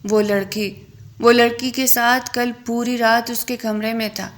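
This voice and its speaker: High and tearful, this is a wounded young wife pouring out her grief, sobbing through her complaints. A woman reads her part in an audiobook-style novel. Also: flat delivery, close to an everyday voice.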